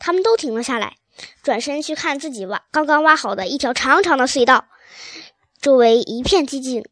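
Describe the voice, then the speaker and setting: A woman's voice: high voice, expressive, a little fast, fairly bright tone, no room sound. A woman reading a children's storybook aloud, with occasional slips and restarts.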